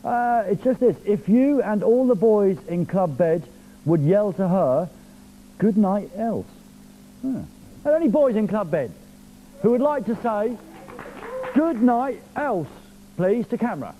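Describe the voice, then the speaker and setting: A man hosts a live television music show in a studio, reading out viewer messages with a jokey, playful edge. His voice sits high and swoops around animatedly. A faint hiss of noise lies under it. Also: animated, normal speed, mellow.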